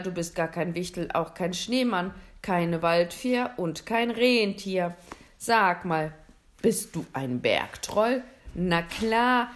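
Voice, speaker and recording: A woman voicing a jolly, excitable, giant Santa Claus in a read-aloud storybook, loud and playful. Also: medium pitch, close to an everyday voice.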